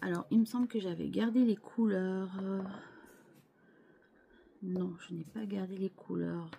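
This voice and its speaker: A woman talks through her handmade craft pages in a slow, unhurried way. Her voice is mellow and soft-edged. She hesitates often and restarts her sentences, turning to viewers with chatty asides. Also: medium pitch, fairly even intonation, gravelly, dull audio, slight background noise. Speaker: scrapbooking channel host. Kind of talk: casual show-and-tell of craft pages.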